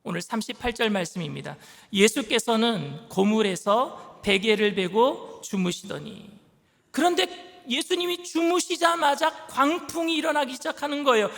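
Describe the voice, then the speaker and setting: A man's voice: extremely high pitch, lively intonation, normal speed, gravelly, fairly bright tone. A male pastor giving a conversational sermon, now and then acting out the disciples' anxious complaints. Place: church sanctuary. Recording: church hall reverb.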